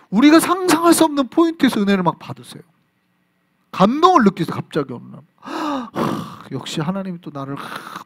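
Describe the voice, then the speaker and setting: A man from South Korea, a pastor preaching an animated sermon at a Friday prayer service in church. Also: very high voice. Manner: animated preaching, acts out voices and reactions. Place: church sanctuary.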